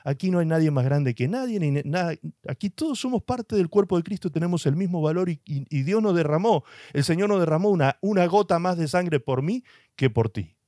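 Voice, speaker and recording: A man's voice: a little high, animated, fairly quick, dark tone, no echo, clean studio sound. A man preaching a sermon as pastor, emphatic and full of rhetorical questions, with short mocking put-on voices.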